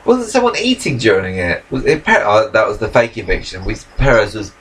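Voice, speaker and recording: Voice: mid-range voice, big pitch swings, fairly quick, a bit bright, far from the mic. A co-host on a casual podcast from home, trading dry, teasing banter. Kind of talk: casual chat.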